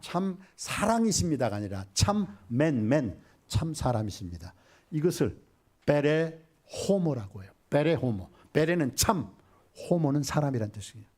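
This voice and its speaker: A middle-aged man preaching from the pulpit in a husky voice. His pitch climbs and drops widely as he acts out scenes. He swings from loud cries to near whispers and keeps quizzing the congregation. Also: normal speed. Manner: animated, acts out Bible scenes with sudden loud and hushed lines; asks the congregation questions and has them repeat after him. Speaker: senior pastor. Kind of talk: sermon.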